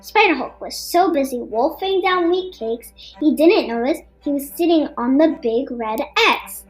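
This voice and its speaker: She's an unhurried storybook reader for a podcast, voicing a scripted superhero-style children's story with a high voice and lively intonation. Music accompanies her narration.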